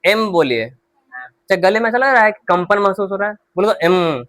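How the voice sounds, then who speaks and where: A man's voice: high voice, very animated, normal speed, sharp tone, no echo. A male English teacher with a Hindi accent, teaching pronunciation in Hindi, who drills words over and over and answers his own questions. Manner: repetitive drilling, asks questions and answers them himself. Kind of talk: spoken English lesson in Hindi.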